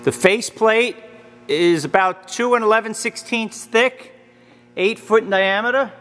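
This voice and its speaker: A machinery dealer gives a plain, matter-of-fact, casual demo of a machine in a large indoor machine shop, filmed on a handheld camera. His high-pitched, somewhat bright voice moves at a measured pace, and the large hall is audible.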